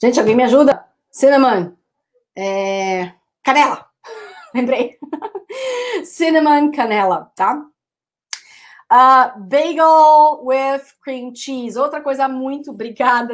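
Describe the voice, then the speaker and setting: A young Brazilian woman teaching English live online, her voice sitting a little high. She talks in a chatty, loose way, repeating each word for her students and answering comments from the chat as she goes. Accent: Brazilian Portuguese. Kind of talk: live online class, explaining vocabulary.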